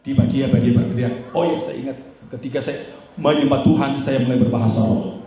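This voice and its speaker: A middle-aged pastor preaching a sermon, telling a story and shouting commands in prayer. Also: male voice, mid-range voice, brisk. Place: church hall. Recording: very echoey church hall.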